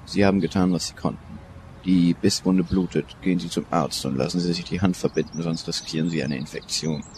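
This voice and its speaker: A man's voice: low-pitched, fairly even intonation, brisk, a little mellow, slight background noise, close to an everyday voice. An actor playing a stern, authoritative older male Egyptologist professor in a radio play. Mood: calm. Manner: authoritative, lecturing.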